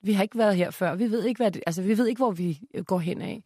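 A woman on a radio talk show, explaining and defending her views at length. She argues earnestly and steadily, pausing on fillers as she builds her points. The studio sound is dry and close. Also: medium pitch, warm tone, no echo. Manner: measured, earnest arguing with fillers. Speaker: guest author. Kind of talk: radio debate.

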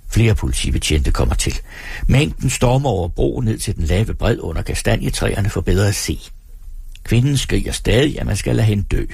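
A man reads a story aloud in a measured, expressive way. His low voice is gravelly and husky, and the recording is dry and close. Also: no room sound. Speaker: narrator. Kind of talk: storybook reading.

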